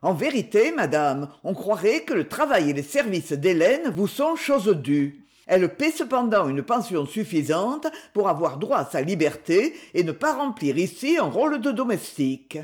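A woman reading an audiobook voices a young man who speaks in a measured tone of cold irony. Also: mid-range voice, very animated, close to an everyday voice. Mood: coldly ironic. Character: calm, cool-mannered young man, ironic.

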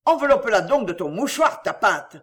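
Woman putting on a loud angry factory boss man, barks orders, scolds, pitch jumps all over. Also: sing-song, moderate pace, natural voice. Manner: barking, scolding. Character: harsh shouting male factory director.

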